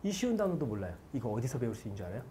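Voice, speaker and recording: A man in his forties lectures students on how to study, his pitch leaping around as he tells stories and quizzes the room. His tone is mellow and soft-edged. A faint ambient hum sits under his voice. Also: very fast. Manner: animated storytelling, quotes people, asks the audience questions. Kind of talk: lively motivational lecture to students.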